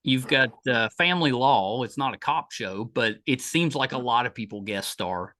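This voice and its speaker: A podcast host with a medium-pitched, bright and forceful voice chats through a casual interview at a moderate pace. He sounds animated, chatty and enthusiastic, often restarting his sentences.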